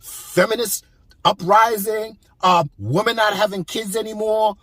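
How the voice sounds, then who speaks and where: A man's voice: high-pitched, fairly even intonation, a little slow, a bit bright, no room sound. A man giving heated, preachy commentary on a clip, emphatic and repeating himself.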